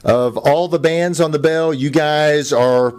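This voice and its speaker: A man's voice: fairly high pitch, takes it slowly, crowd noise. A man hosting a music interview, asking questions and praising the band with eager enthusiasm. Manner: enthusiastic, effusive fan. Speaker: interviewer host.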